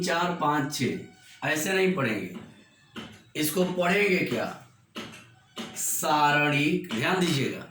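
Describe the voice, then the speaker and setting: Bihari guy teaching maths real slow, kinda high voice, repeats everything. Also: fairly bright tone. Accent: Bihari Hindi. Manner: slow, repetitive explaining, calls students "babu". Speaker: mathematics teacher. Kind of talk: classroom maths lecture. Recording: echoey room.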